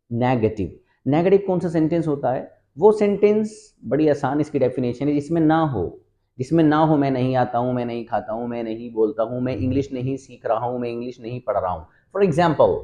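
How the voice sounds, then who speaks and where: A man teaching an English lesson, patiently explaining and repeating examples slowly. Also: mid-range voice, mellow.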